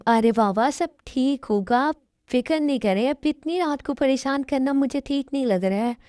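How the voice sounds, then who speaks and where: A woman voicing a gentle, reassuring young daughter in a fan dub. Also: high voice, normal speed, no echo, clean studio sound, close to an everyday voice. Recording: music in background.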